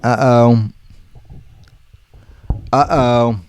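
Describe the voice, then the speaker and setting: A man co-hosting a podcast on a call, talking slowly and hesitantly with many fillers. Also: mid-range voice, fairly even intonation, darkish tone, clear, resonant tone. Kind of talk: casual chat on a call.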